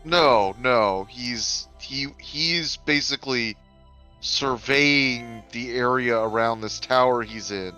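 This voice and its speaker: Male tabletop player, chatty and self-correcting, slow with a bright tone, quiet music underneath. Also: mid-range voice, clear, resonant tone. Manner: chatty, self-correcting, explains his moves. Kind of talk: tabletop game play.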